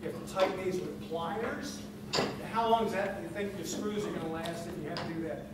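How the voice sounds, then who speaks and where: A man runs a hands-on woodworking demonstration in a large conference room, lively and teasing, throwing questions at the crowd. His voice sits high and carries in a very echoey hall, picked up from far away. Heavy room noise hums underneath. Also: fairly quick. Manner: lively, teasing, quizzes the audience. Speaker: woodworking instructor. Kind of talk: live workshop demonstration. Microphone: far camera.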